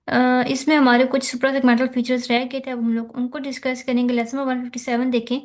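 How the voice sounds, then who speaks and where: A woman teaching an online phonetics lesson with a Pakistani accent, explaining slowly and checking in often. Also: sits high, a little mellow. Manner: code-switching, slow explanatory, repeats "theek hai". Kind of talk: online lecture.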